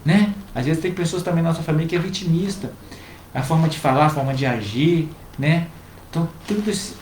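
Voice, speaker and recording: A man, co-hosting a casual advice chat and calmly explaining to viewers. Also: on the high side, brisk. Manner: calm, explanatory, addresses viewers directly. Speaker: co-host giving family advice. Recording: roomy with faint background noise.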